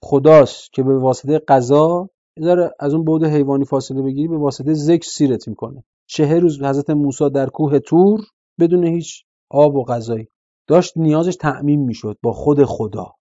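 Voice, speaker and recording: Earnest Persian preacher man, mellow voice. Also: on the high side, no room sound, lo-fi sound. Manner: earnest, asks listeners "right?" often. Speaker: religious speaker. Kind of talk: religious sermon.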